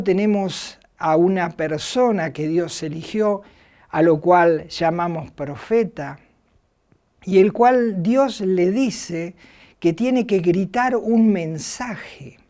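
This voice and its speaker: A middle-aged woman with an Argentine accent delivers a sermon at an unhurried, measured pace. Her voice is lowish and warm, soft at the edges. She speaks reflectively and slips into small acted voices for the quotes. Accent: Argentine Spanish. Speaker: preacher.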